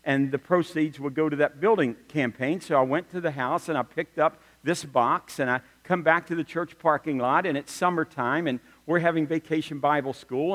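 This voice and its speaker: A middle-aged man preaching a sermon as pastor, telling stories with humorous asides and lively emphasis. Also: fairly high pitch. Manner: animated storytelling with humorous asides. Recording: long reverb of a large hall.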